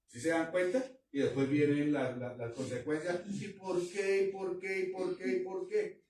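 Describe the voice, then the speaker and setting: Exhorting preacher, echoey and distant. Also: male voice, sits high, fairly even intonation, normal speed, darkish tone. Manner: exhorting, asks the congregation questions. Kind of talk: sermon. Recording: echoey room, voice from far off.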